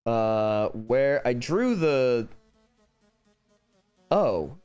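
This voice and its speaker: A man livestreaming as he draws, chatting casually in a rambling way, with lots of fillers and restarts, and growing animated when he vents. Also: mid-range voice, drawn-out words, smooth, muffled recording, faint music behind. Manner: grows heated and animated when venting. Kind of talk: casual chat while drawing.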